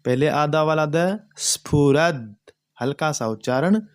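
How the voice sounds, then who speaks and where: A man teaching a hymn lesson, sounding out each syllable slowly and then chanting the lines whole, with quick spoken asides. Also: on the high side, expressive. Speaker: teacher of Sanskrit hymn recitation. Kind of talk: slow syllable-by-syllable recitation lesson.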